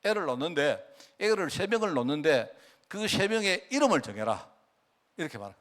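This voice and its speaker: Middle-aged male pastor, lively sermon delivery, slightly high voice. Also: brisk. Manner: animated, asks the congregation questions; acts out God's words in quoted speech.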